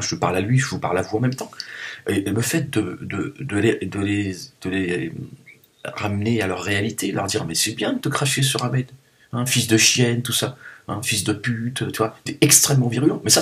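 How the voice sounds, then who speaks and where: Man, parisian accent, low voice, rambling joking vlog talk, chatting at home. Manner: joking, rambling, teasing asides. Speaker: vlogger. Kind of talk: casual vlog monologue. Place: home, cold room.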